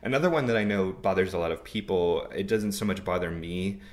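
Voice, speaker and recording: Male, very low voice, loose conversational delivery, lots of "like.". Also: a little fast. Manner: relaxed, rambling with many "like"s. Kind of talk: casual conversation.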